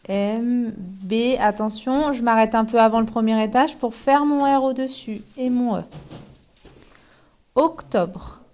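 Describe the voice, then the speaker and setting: A woman teaches handwriting to a young pupil from a distance. She moves at an unhurried, deliberate pace, naming each letter separately as she forms it. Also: on the high side, a little mellow. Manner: slow, spells letters out one by one while writing. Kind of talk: remote handwriting lesson.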